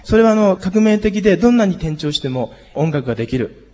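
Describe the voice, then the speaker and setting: A hoarse man teaching a group singing lesson, explaining harmony and leading the class in exercises. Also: high voice, sing-song, brisk, darkish tone, long reverb tail, lo-fi sound. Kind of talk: music lesson.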